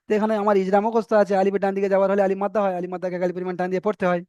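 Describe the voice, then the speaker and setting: High-voiced man drilling Arabic syllables. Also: flat delivery, dark tone, clear, resonant tone, no echo, highs cut off. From Bengal. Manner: patient, repeats syllables slowly and drills them. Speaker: Quran reading teacher. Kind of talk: recorded online lesson, spelling out Arabic letters.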